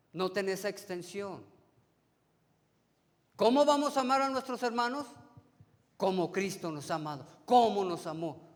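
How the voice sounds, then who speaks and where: A man preaching a sermon to his congregation. He calls them brothers, asks them rhetorical questions, and swings from emphatic rises to soft, trailing phrase endings. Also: sits high. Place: church sanctuary. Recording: long hall reverb of a church.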